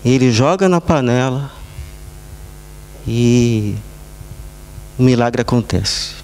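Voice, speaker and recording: A man with a Brazilian accent preaching a sermon as pastor, telling small stories in short, measured phrases. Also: medium pitch, expressive, darkish tone, a little hiss or hum. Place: church service.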